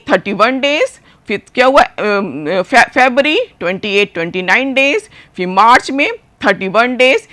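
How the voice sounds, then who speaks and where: A woman with an Indian accent teaching a primary school class, explaining words slowly and spelling them out letter by letter. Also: a little high, fairly bright tone. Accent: Indian English. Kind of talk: bilingual classroom lesson.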